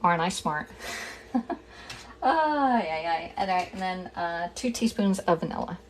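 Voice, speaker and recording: A woman's voice: fairly low pitch, lively intonation, unhurried, slight background noise. Chatty middle-aged woman cooking live. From Pennsylvania, US. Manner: chatty, talks through each step, greets viewers, jokes with herself. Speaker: cooking demonstrator and kitchenware consultant. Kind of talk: casual live-streamed cooking demo. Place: home kitchen.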